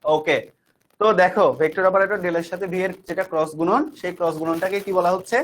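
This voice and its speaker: A man's voice: sits high, steady tone, fast. A man teaching an online physics class, repeating each definition and checking whether students follow. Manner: talks to students directly and warmly checks understanding.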